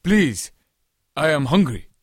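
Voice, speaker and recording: A proud pirate, played by a man, stern and scornful. He speaks in stiff, formal English with a voice that moves a lot in pitch. The audio drama recording is dry and close. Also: very animated, slow, husky, no echo, full character voice. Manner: stiff, formal, non-native English phrasing.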